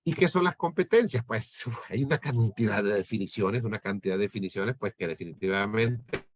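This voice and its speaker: A man's voice: lowish voice, fairly quick, a little hiss or hum. A man giving an explanatory lecture to teachers on lesson planning, often checking in with his listeners. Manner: explanatory, keeps asking "¿verdad?". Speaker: teacher trainer.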